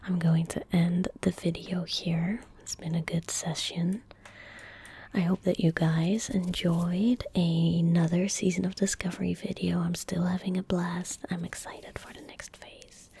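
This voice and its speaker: A young woman streams a game ASMR-style from her computer room, whispering gently and breathily with unhurried self-directed murmurs. Her voice is fairly low with vocal fry, and soft game audio and faint noise sit in the background.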